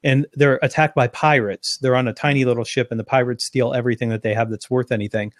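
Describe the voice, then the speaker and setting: A man, a guest on an interview, telling an animated anecdote in long run-on phrases. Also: medium pitch, fast, dry recording, studio quality. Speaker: interview guest, sales speaker. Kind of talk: conversational storytelling.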